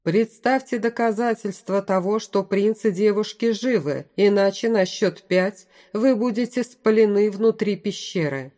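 A woman reading an audiobook, voicing a stern male army general who delivers firm, measured ultimatums. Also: mid-range voice, dark tone, lightly acted. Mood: threatening. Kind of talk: audiobook character voice.

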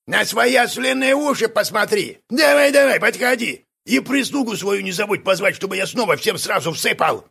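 A man's voice: sits high, lively intonation, brisk, creaky, hardly any pauses, sharp tone, husky, voice pushed up, full character voice. A man voicing a sly, self-important male swindler who talks in a wheedling way. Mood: shouting. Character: sly big-eared male swindler, smooth-talking.

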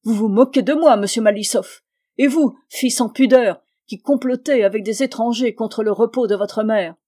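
A woman's voice: medium pitch, normal speed, lightly acted. A woman voicing an enraged proud mother. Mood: furious. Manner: outbursts of indignant shouting. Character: furious proud mother, middle-aged woman. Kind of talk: audiobook reading.

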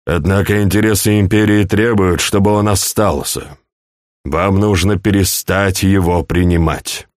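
A man voicing a shrewd, fatherly older chancellor in an audiobook, speaking in a calm, measured, persuasive way. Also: low voice, no room sound, studio quality. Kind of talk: audiobook character reading.

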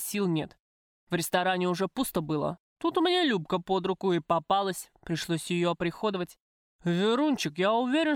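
A woman's voice: on the low side, clean tone, dry recording, studio quality, lightly acted. A woman voicing a coarse, possessive middle-aged male crime boss in an audiobook, crude and wheedling, then threatening. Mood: boastful. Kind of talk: audiobook character voice.

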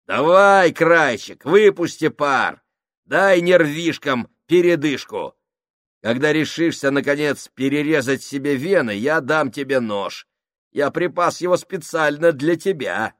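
A man voicing a crude, bullying male sailor who shouts insults and jeers at his crewmates. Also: fairly high pitch, animated, a little slow, dry recording, studio quality, voice pushed up. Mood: jeering.

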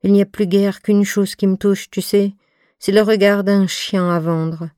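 A woman reading the part of a stern but motherly fifty-two-year-old friend, speaking in an even, soft, deep voice. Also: a little slow, no room sound, clean studio sound, natural voice. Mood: tendre. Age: 50s. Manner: voix égale et douce; ton de voix profond. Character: femme de cinquante-deux ans, amie sévère et maternelle. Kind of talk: scripted audiobook reading.

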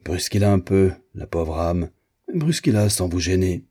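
A man's voice: deep voice, animated, measured pace, husky, full character voice. A man reading aloud, playing a fussy, tyrannical captain who barks orders. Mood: commanding. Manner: barking orders, shouting.

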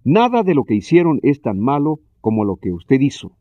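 A man narrating a scripted self-help lesson in a measured, explanatory way. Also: mid-range voice, very animated, no echo, dull audio.

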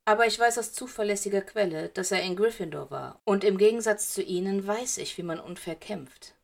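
A woman voicing a stern, cool male schoolteacher who speaks in low, measured, clipped commands. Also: vocal fry. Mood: dry, measured.

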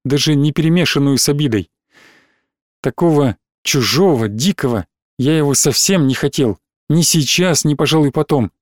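A man narrating an audiobook with a calm, measured reading. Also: on the high side, dry recording, studio quality.

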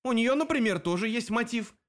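A man reading an audiobook, voicing a sly, mocking male demon investigator who talks quickly. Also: very high voice, expressive, pitched above the performer's own voice. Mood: probing.

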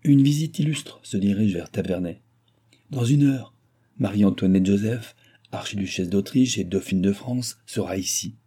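A man's voice: lowish voice, moderate pace, dark tone, breathy edge. A man reading an audiobook, voicing an eager young male officer who speaks earnestly and respectfully.

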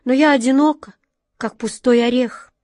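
A high, shrill little squirrel from a storybook, as a woman reader puts her on, pleading and forlorn. Her voice leaps well above the reader's own and rings loud and strained. The sound is close and dry. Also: fairly even intonation, normal speed, no echo, close to an everyday voice. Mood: sad. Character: desperate lonely young female squirrel.

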